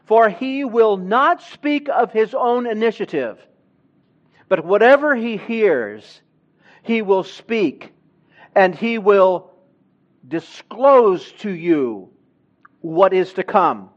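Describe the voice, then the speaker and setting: In a lo-fi recording, a Honduran-raised preacher delivers a church sermon in a high-pitched, sing-song voice. His pace is slow and emphatic, swelling in volume on important words.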